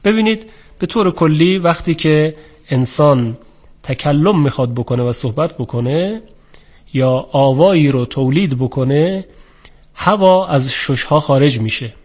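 Measured man teaching phonetics, slightly high voice. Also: lively intonation, darkish tone. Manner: measured, formal, with polite set phrases. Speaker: Quran recitation teacher. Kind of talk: explanatory lecture on pronunciation.

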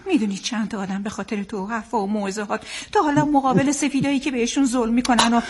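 A woman's voice: on the high side, fairly even intonation, a little mellow, natural voice. An actress playing a loving wife and mother who soothes and firmly reassures her troubled husband, in a dubbed drama. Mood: comforting. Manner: soothing, firm. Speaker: dubbing actor.

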